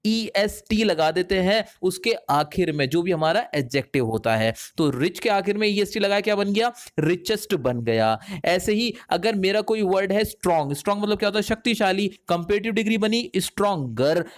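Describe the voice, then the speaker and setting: Male online grammar teacher, lively and friendly, talks to viewers directly. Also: high voice, normal speed, few pauses. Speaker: English teacher.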